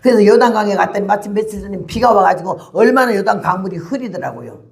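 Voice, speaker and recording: A woman in her eighties, a missionary preacher giving a testimony sermon, telling the story with animated energy and frequent rhetorical questions. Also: medium pitch, fast, vocal fry. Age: 80s.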